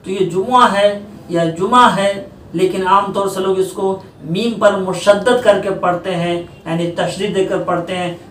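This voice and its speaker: A male teacher giving a pronunciation lesson to students, repeating each word slowly to set the right form against the wrong one. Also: high-pitched, steady tone, fairly bright tone. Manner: deliberate, repeating words to contrast right and wrong forms. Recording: roomy, distant mic, faint background noise.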